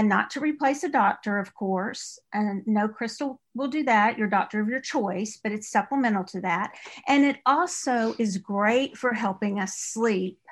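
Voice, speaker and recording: A woman with an East Texas accent, chatting as a podcast guest in a rambling way, with frequent restarts. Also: mid-range voice. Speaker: podcast guest, author and crystal store owner. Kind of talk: casual interview chat.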